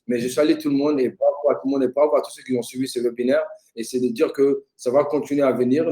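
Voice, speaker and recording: A middle-aged man with a soft-edged, mellow tone and mid-range pitch. He speaks off the cuff on a video call, thanking people in halting phrases that he often repeats. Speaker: university representative. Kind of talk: impromptu thanks on a webinar.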